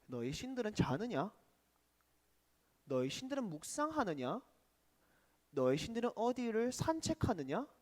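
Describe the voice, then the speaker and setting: A man's voice: high voice, sing-song, normal speed, long pauses, darkish tone. A man voicing a prophet who mockingly taunts false gods, in an echoey church hall. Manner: taunting, sarcastic.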